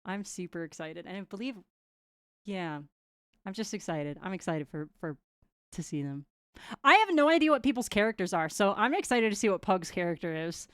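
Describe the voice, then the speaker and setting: A young woman chats casually to her stream between turns of a tabletop game, bubbly and quick to giggle. Her pitch swings widely and her voice is smooth and crisp. It is recorded dry on a close streaming mic. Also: lively intonation, no echo. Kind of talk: casual chat.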